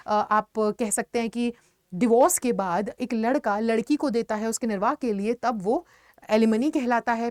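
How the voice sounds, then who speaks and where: A woman's voice: fairly high pitch, a little mellow, dry recording. Indian woman teaching, dry close sound. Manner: explains patiently, repeats questions and answers for students. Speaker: English teacher. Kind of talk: online exam-prep lesson.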